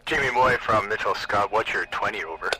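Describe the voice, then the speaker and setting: A man calls out over a walkie-talkie radio in clipped, playful radio lingo. His voice is bright and sharp, with faint hiss around it, and a long reverb trails after each phrase. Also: on the low side, a little fast. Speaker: podcast host.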